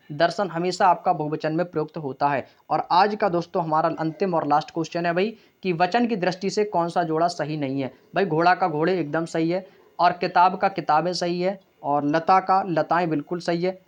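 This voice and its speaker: A man teaching an exam practice lesson, brisk, calling his students brother and asking then answering his own questions. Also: fairly high pitch, highs cut off.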